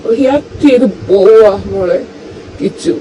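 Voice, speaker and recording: A man playing a heartbroken young husband in a home audio drama, talking haltingly with his voice rising and breaking. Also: high voice, a little mellow, natural voice. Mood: agitated. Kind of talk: amateur audio drama acting. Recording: noisy home recording.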